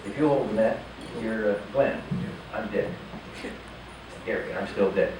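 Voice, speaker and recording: A man's voice: fairly low pitch, measured pace. An older man performing as a stage magician in a casino showroom, keeping up jokey, chatty banter with volunteers from the audience. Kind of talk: live magic show patter. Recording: echoey, distant, noisy live room.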